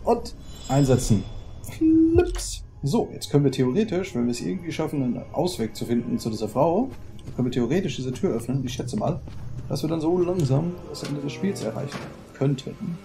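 Gravelly man doing let's play commentary. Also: on the high side, animated, brisk, dark tone, faint music behind. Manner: chatty, mixes English exclamations into German.

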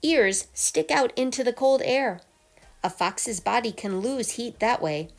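A woman reads aloud from a children's picture book in a teacher's manner, delivering the story clearly and emphatically, questions and answers included. She speaks a little slowly, her slightly high voice full of lively intonation.

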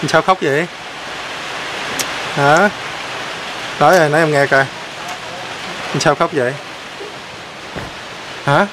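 A man hosts a vlog in a casual, teasing way, pressing someone with repeated questions. His voice sits a little high for a man. The recording is full of hiss and background noise. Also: slow, long pauses. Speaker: vlog host. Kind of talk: teasing casual chat on camera.

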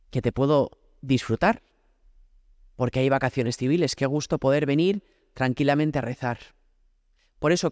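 Priest from Spain, slightly high male voice, dry close sound, chatty homily full of rhetorical asides. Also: darkish tone, no echo. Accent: Spanish from Spain. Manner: conversational, frequent rhetorical questions, addresses the Lord directly. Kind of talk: prayer meditation homily.

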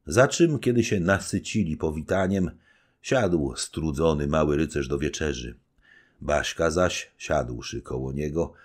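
A man narrating a classic novel as an amateur audiobook reader, with expressive intonation. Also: rumbling low, breathy edge.

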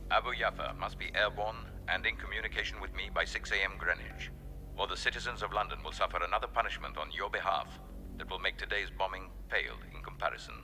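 An actor playing a menacing hijacker leader, delivering a measured, formal, threatening ultimatum. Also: male voice, low-pitched, pushed and bright, soft background music, heavily acted. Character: menacing male hijacker leader issuing cold demands. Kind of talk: recorded ultimatum in film drama.

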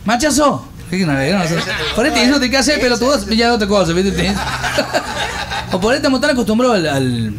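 A stand-up comedian from Córdoba, Argentina, with a high voice and a Cordoban Argentine Spanish accent, fires off jokes at a rapid clip. He's very animated, voicing characters and laughing along while a loud crowd reacts.

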